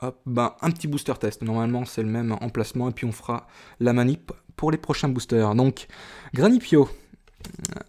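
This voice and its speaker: A man talks casually on camera as he opens a card tin. He keeps breaking into excited gasps of wonder and often stalls on fillers and restarts. His voice sits at an ordinary middle pitch. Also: normal speed. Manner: enthusiastic, often exclaims in wonder; hesitant, many fillers and restarts. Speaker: YouTuber opening a trading card tin. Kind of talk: casual unboxing commentary.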